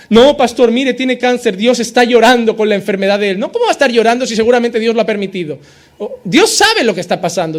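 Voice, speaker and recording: High-voiced man preaching a fervent sermon. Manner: preaches with rising insistent repetition, acting out quoted believers. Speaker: pastor.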